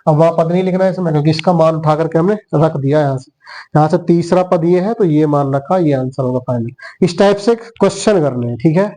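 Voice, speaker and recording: A man's voice: on the high side, fairly quick, mellow. A man teaching maths who talks students through each step and counts the items aloud. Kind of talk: classroom lesson.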